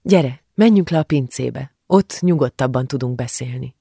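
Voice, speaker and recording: Woman voicing a brisk older aunt. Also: a bass voice, creaky, warm tone, slightly rough, no room sound, clean studio sound, full character voice. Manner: firm, matter-of-fact. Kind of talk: audiobook character voice.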